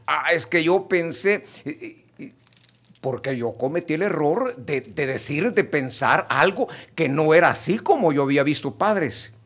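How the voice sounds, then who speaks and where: A man's voice: on the high side, big pitch swings, normal speed, few pauses, slightly rough. A middle-aged man, preaching a sermon and addressing the congregation directly and emphatically. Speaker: pastor.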